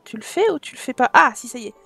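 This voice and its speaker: A woman's voice: fairly high pitch, lively intonation, fast talker, creaky, pushed and bright, husky. A woman hosting a casual let's play, chatting, reading game text aloud and joking to herself.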